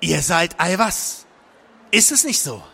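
A man voicing a frantic male occultist who proclaims loudly in a raised voice and stammers when flustered. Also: big pitch swings, slow pace, gravelly, slightly rough, in a large hall, exaggerated voice. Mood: demanding. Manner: stammering, high-pitched proclaiming. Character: frantic male occultist, pompous yet fearful.

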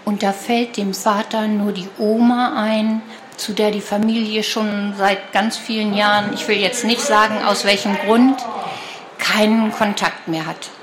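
A woman reads a children's book aloud at a slow, steady pace. Her storytelling is calm and clear, with her voice sitting in a middle register. A faint hiss runs underneath. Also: medium pitch. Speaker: reader.

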